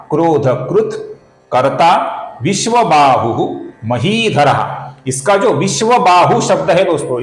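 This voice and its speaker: A man's voice: a little high, roomy sound, poor audio. Man teaching careful Sanskrit recitation. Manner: slow, drawn-out chanting of verse words; addresses viewers as friends, earnest explaining. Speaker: spiritual YouTube teacher.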